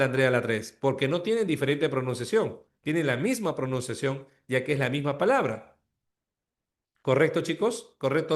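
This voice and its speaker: A man with a somewhat high-pitched voice teaches a language class. He walks through each answer patiently. He keeps checking whether the students understand. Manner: explains step by step, checks understanding with repeated questions. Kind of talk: online class explanation.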